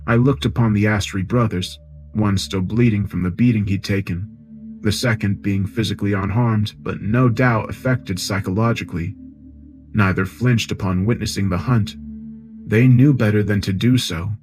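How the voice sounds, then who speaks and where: Low-voiced man narrating horror. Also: darkish tone. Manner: measured, grave. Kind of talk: scripted horror story narration. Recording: music playing behind.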